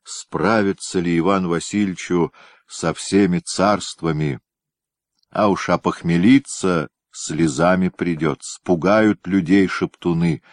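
Deep guy reading a historical novel aloud, steady storytelling, dry close sound. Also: dry recording. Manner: measured storytelling. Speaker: audiobook narrator. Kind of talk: scripted narration.

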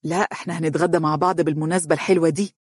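A narrator voicing an eager, affectionate young man who speaks with an Egyptian accent, rushing his words. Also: medium pitch, flat delivery, darkish tone, no echo, clean studio sound, lightly acted. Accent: Egyptian Arabic.

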